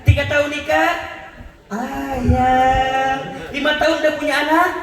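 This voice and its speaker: A man's voice: very high voice, fairly even intonation, measured pace, fairly bright tone, a little hiss or hum. A man preaching a humorous sermon, quizzing the congregation and acting out scenes. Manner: joking, questions the crowd, acts out scenes. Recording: echoey hall, mic far off.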